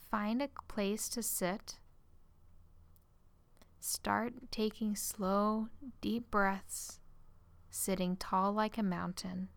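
A woman guiding a relaxation exercise in a calm, soothing way, her phrases trailing off into soft whispers. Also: medium pitch, vocal fry, dry recording. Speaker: relaxation guide. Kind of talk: guided relaxation script.

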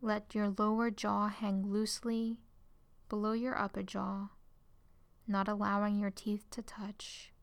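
Woman reading a relaxation script, soothing, slow, dry close sound, lines trail off whispery. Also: mid-range voice, creaky, no room sound. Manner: calm and soothing, phrase ends trailing into a whisper. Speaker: relaxation guide.

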